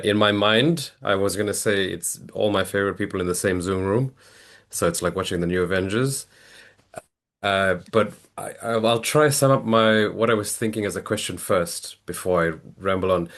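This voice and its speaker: A man's voice: fairly low pitch, normal speed. A man asking a long question on a video call, hesitant and self-deprecating, with many restarts. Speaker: audience member asking a question. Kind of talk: rambling question in a webinar.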